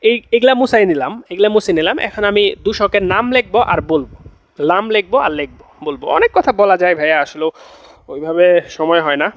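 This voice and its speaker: High-voiced young tutor repeating his points. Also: lively intonation, quick pace, no room sound. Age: young adult. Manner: repeats each phrase two or three times for emphasis; coaxing, checks in with "okay?" and "see". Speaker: admission-test tutor. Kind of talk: chemistry class lecture.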